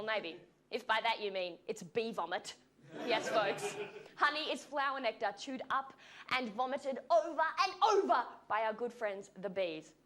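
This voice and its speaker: A woman delivering a wry, animated comic monologue to a studio audience. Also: on the high side. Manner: animated, wry, breaks into laughs. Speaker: comedy segment presenter. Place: television studio with live audience. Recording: live studio with audible audience.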